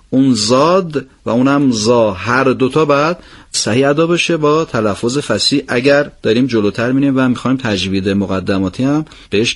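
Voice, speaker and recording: Guy teaching recitation, explains the rules, asks questions and answers them himself, reads the phrases really slow. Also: mid-range voice. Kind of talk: recorded recitation lesson.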